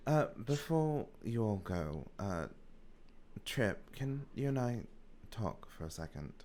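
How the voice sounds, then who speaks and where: A man narrating scenes and prompting players as game master, in a relaxed manner. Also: on the low side, takes it slowly, slight background noise.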